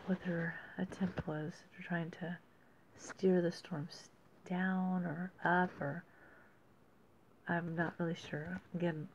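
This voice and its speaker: A woman giving casual, unscripted commentary as host of an amateur weather report, speaking haltingly and thinking aloud with pauses. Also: fairly low pitch, darkish tone. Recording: dull lo-fi audio with faint noise.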